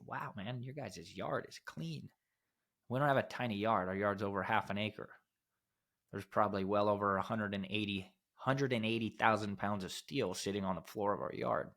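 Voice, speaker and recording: Blunt, emphatic man with a lowish voice. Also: fairly bright tone. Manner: blunt and emphatic, casual swearing. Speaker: podcast co-host, steel fabrication company owner. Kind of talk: casual podcast chat.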